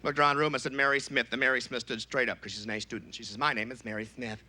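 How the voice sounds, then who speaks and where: A man doing a stand-up comedy routine, jumping into loud high-pitched voices when he quotes people. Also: rapid-fire. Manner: shouts high falsetto quotes of other people.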